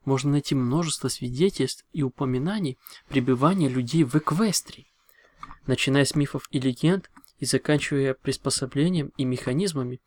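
Man reading a story calmly. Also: mid-range voice, no room sound. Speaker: narrator. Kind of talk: first-person audiobook narration.

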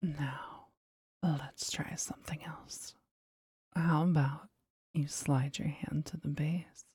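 A woman speaking in a soft, teasing and commanding whisper for an intimate ASMR roleplay. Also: low voice, steady tone, slow pace, slightly rough, dry recording, studio quality.

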